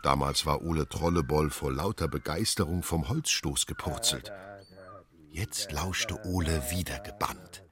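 A man narrating a children's storybook with expressive, lively delivery. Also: very deep voice, measured pace, crowd noise.

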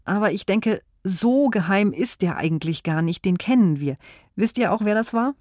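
A woman's voice: mid-range voice, lively intonation, moderate pace, a little mellow, dry recording. A woman hosting a children's mystery show, encouraging the listeners and asking them questions, close to a studio mic. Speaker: host. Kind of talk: quiz host addressing children.

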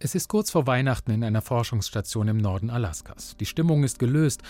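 A man's voice: medium pitch, expressive, fairly quick, a little mellow, dry recording. A man with a standard German accent narrating a scripted radio review as a reporter. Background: faint music.

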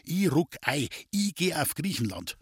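A village man voiced by a male reader who can hardly wait to pass on bad news in broad dialect. His voice sits higher and louder than the narration, with a husky edge, from a storybook reading. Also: very animated, a little slow, no echo, studio quality, full character voice. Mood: urgent, telling news.

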